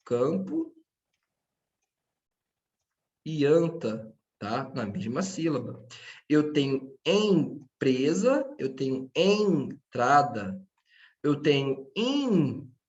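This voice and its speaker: A man's voice: on the high side, very animated, slow, a little mellow, highs cut off. A man teaching a grammar lesson, patient and checking in with his students often. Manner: speaks to his students directly.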